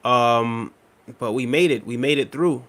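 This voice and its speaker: This thirtysomething man hosts a casual livestream, working through viewer comments in a relaxed, looping style full of filler words. He seems tired and a bit under the weather, speaking at a measured pace in a mid-range voice.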